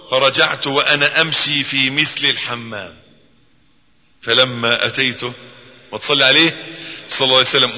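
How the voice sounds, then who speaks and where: Egyptian preacher in a reverberant hall. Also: male voice, medium pitch. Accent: Egyptian Arabic. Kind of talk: sermon. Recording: long reverb hall, dull lo-fi sound.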